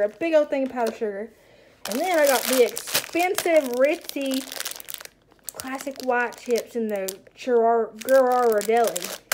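A young woman chatting excitedly as she unpacks groceries at home, with self-mocking asides and bursts of delight. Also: high-pitched, background noise. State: out of breath. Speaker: stay-at-home mom vlogger. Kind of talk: casual grocery haul chat. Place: home kitchen. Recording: rustling bags and clicks behind.

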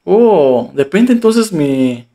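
A man's voice: sits high, sing-song, very slow, dark tone. A young man, casually reacting and commenting aloud as a story game plays. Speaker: gameplay streamer.

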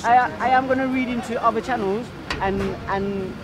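A young man from Bangladesh defending his view in a heated outdoor debate, talking fast with stumbling restarts. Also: very high-pitched, fairly even intonation. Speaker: debate participant. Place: outdoor park by a kiosk, city crowd. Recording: outdoor crowd noise. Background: crowd chatter.

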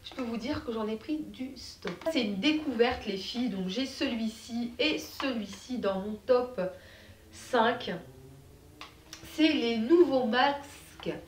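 Bubbly high-voiced French woman vlogger. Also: takes it slowly, roomy sound, distant mic, slight background noise. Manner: chatty and bubbly, with fillers and giggles. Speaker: beauty vlogger. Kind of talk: casual chat to camera.

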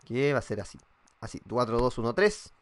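A man's voice: mid-range voice, expressive, brisk. A young Chilean man with a Chilean accent, chatting casually and swearing while streaming a football game and reading viewers' messages aloud. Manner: casual and swearing, reads chat aloud, thinks out loud. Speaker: gaming streamer. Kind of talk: live-streamed gameplay chat.

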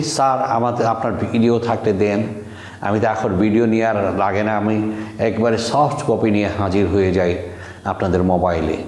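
A man from Bangladesh teaching an online language lesson, repeating words slowly and deliberately to show how they sound. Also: medium pitch, darkish tone, echoey room.

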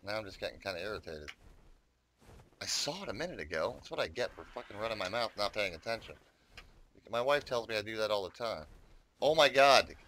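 A man's voice: on the low side, lively intonation, fairly quick, pushed and bright, slight background noise. A man giving casual, rambling commentary on his own gameplay, chatting to viewers and swearing often. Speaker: gaming YouTuber.

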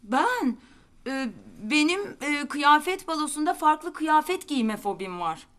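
A woman's voice: sits high, sing-song, slow pace, fairly bright tone, exaggerated voice. An actress playing a scheming, cheeky younger sister in a sitcom, teasing and mock-dramatic in her delivery. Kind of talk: sitcom acting.

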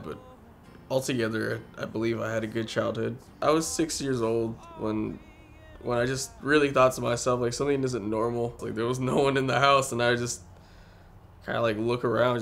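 A young man speaking candidly in a documentary interview, halting and restarting as he talks. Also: mid-range voice, gravelly. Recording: soft music underneath.

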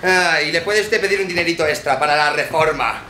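An actor playing a fussy, placating film producer in a live stage comedy. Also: male voice, a little high, brisk, bright, forceful tone. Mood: placating, excited. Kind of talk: live comic stage acting. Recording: roomy noisy theatre.

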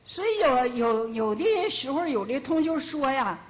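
An older woman giving a Buddhist teaching as a lay teacher, telling lively homespun stories and chuckling now and then. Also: sits high, a little slow. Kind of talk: storytelling dharma talk. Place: lecture hall of a Buddhist centre.

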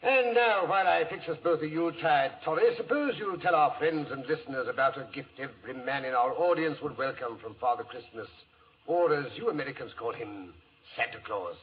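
An actor playing a genial elderly English doctor, a wordy storyteller in a 1940s radio drama. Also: male voice, on the high side, fairly quick, natural voice. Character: elderly English doctor reminiscing genially, Holmes's old companion. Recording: muffled, hissy 1940s radio recording.

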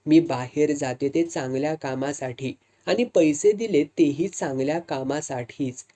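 A woman's voice: low voice, measured pace, warm tone. A woman voicing a proud, firm older sister in a read-aloud story. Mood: stern. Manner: firm, stern.

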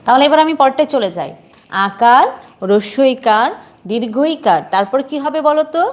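A woman teacher giving a dictation lesson to young children, spelling words out slowly and often quizzing the class. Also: high-pitched. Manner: slow, drawn-out spelling with frequent questions to the class. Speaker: nursery teacher.

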